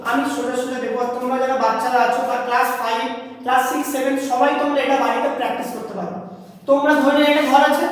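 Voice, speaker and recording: A high-pitched woman teaching schoolchildren, spelling out letters one by one and explaining slowly, often repeating herself. She sounds far from the mic, with heavy echo and a long reverb tail in a classroom. Faint noise sits underneath. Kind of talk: classroom grammar lesson.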